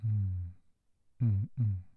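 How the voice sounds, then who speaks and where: A man playing a gentle, melancholy young man in love, in a soft, intimate ASMR role-play close to the mic. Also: lowish voice, steady tone, slow, breathy edge, no room sound, narrow, tinny audio. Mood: tender, sympathetic. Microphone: close ASMR microphone in a dry space.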